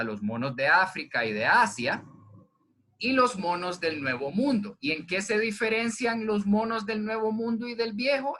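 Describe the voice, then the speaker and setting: A man teaching a zoology class by video from home, talking to his students in a relaxed, conversational way and answering his own questions. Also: sits high. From Honduras. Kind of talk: recorded online class lecture. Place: indoors at home during heavy rain. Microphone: computer microphone.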